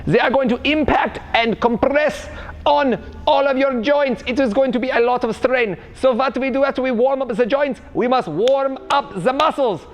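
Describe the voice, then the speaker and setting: In a comedic tutorial, a man plays an overexcited parkour coach with a fake German accent, his voice pushed up to an extremely high pitch at normal speed. He stretches words in a sing-song way and ends lines with "yeah?", sounding bouncy and instructive.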